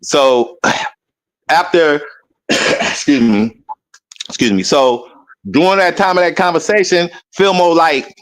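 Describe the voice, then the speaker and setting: A man in casual conversation, telling a rambling story and mimicking other people loudly as he goes. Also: on the high side, slow, pauses often. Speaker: guest.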